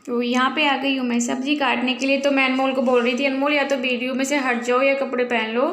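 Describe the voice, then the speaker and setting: A woman's voice: sits high, little pitch movement, fairly quick, a bit bright, echoey room. A woman chatting casually through a home vlog while making tea and cooking, rambling as she goes. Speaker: vlogger. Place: home kitchen.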